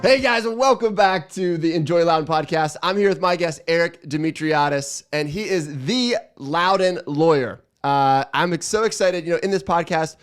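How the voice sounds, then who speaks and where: A man hosting a local podcast, introducing his guest and asking questions in an upbeat, enthusiastic way. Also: a little high. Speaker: podcast host. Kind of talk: podcast interview.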